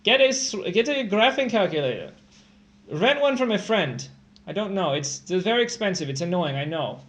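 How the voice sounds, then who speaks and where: A man's voice: sits high, very animated, normal speed, a bit bright. A man hosting a live-streamed tutoring lesson, explaining math problems in a playful, jokey way.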